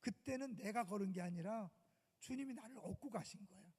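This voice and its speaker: Male pastor, sermon. Husky, dark tone, loud-to-hushed delivery, long church reverb. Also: high voice, a little fast. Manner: emphatic preaching, swings to loud outbursts and hushed asides. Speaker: senior pastor. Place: church sanctuary.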